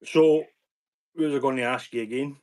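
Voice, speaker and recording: A man's voice: medium pitch, steady tone, fairly quick, darkish tone. A man with a Glaswegian Scottish accent chatting loosely on a live stream as the channel host, stop-start with repeated words. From Scotland. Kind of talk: casual live-stream chat.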